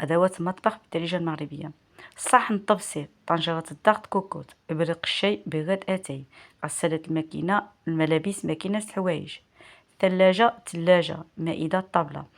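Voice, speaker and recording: A woman with a Moroccan accent teaching vocabulary, reading out word lists slowly and clearly and repeating each word beside its standard equivalent. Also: low voice. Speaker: language teacher.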